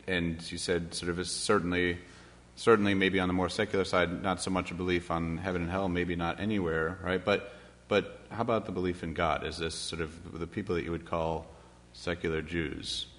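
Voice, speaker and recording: In a large, echoey hall with background noise, a man moderates an informal interview, sounding tentative as he searches for words to frame his questions. His voice is deep and a bit bright, with a flat delivery, a fairly quick pace and few pauses.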